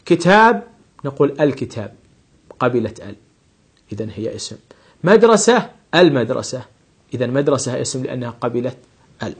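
A man's voice: medium pitch, big pitch swings, normal speed, pauses often, breathy edge. A man teaching a grammar lesson, patiently repeating examples and asking and answering his own questions.

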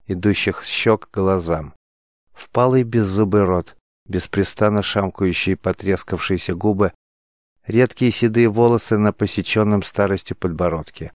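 A man narrating an audiobook in a measured, dramatic way. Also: fairly low pitch, darkish tone, no echo, clean studio sound.

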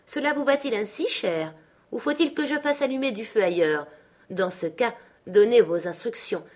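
A woman reading an audiobook and voicing an impulsive, passionate young lady of the manor who speaks in breathless, excited outbursts. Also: a little high, moderate pace, voice pushed up. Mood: coaxing.

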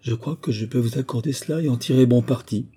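An earnest, self-important young man, as a male narrator puts him on, answers with pompous eagerness. His voice is lifted higher than the reader's usual, with a husky, dark tone. It is heard in a storybook reading. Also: fast talker. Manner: eager, pompous, then flustered. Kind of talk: audiobook character reading.

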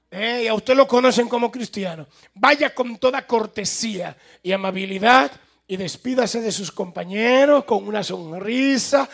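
A man preaching a sermon as a pastor, with emphatic, animated delivery and acted-out quotes to his congregation. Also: very high-pitched, gravelly. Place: church sanctuary.

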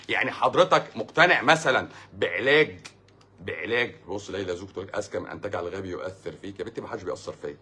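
A man's voice: on the low side, bright, forceful tone, breathy edge. A man with an Egyptian accent hosting a livestream, answering viewer comments in a sarcastic, mocking, rambling way. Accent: Egyptian Arabic. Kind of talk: sarcastic casual livestream talk.

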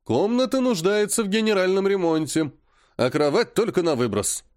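A formal, fawning older school director speaks in polished, courteous phrases, as a man reading the story puts him on. His voice sits somewhat higher than the reader's own and moves with lively pitch, close and dry. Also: moderate pace, dry recording. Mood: polite.

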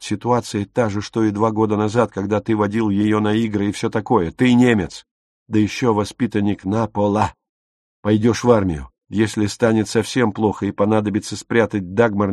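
Man reading as Paul, firm calm brother. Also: fairly low pitch, normal speed, no echo, studio quality, natural voice. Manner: firm, reasoning. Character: young man, calm, persuasive older brother.

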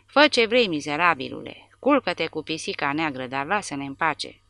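A woman voicing an insolent, loud male soldier who shouts and mocks, in an audiobook. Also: sits low, expressive, dry recording, clean studio sound. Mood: furious. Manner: shouting, mocking.

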